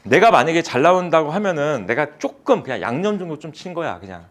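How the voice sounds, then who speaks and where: Male cram-school math tutor, casual and teasing, animated delivery. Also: a little high, fast talker. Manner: chatty, teasing students, casual speech. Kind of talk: classroom lecture with banter.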